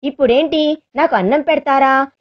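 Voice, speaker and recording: A woman's voice: sits high, moderate pace, lo-fi sound, close to an everyday voice. A woman voicing a rude, mocking young man in a read-aloud story. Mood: sneering. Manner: mocking and blunt.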